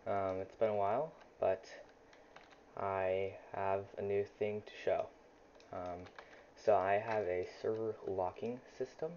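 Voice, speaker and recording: A young YouTuber talks casually through a screen-recorded game-scripting tutorial, thinking aloud as he types and saying "um" a lot. His voice is lowish, steady, mellow, and unhurried. A desk mic beside a loud keyboard gives dull lo-fi home audio with faint typing noise.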